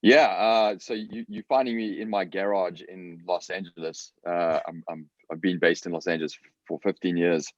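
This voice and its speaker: A man's voice: sits low, steady tone, moderate pace, no room sound. A man from Africa, a guest chatting casually in an interview from his garage, hesitant with many fillers and repeated words. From South Africa. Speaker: guest entrepreneur. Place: home garage. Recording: dull lo-fi sound.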